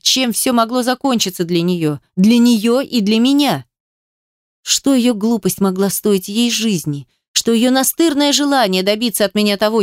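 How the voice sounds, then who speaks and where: A woman narrating a story in a steady, measured reading. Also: mid-range voice, no room sound, clean studio sound. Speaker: audiobook narrator. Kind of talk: storybook narration, first person.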